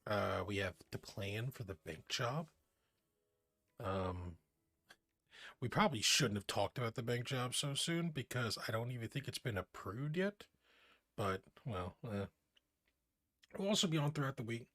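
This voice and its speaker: A man's voice: mid-range voice, animated, unhurried, pauses often, fairly bright tone, no echo, clean studio sound. A man streaming a tabletop game, chatting casually and rambling through the week's plans, with some swearing.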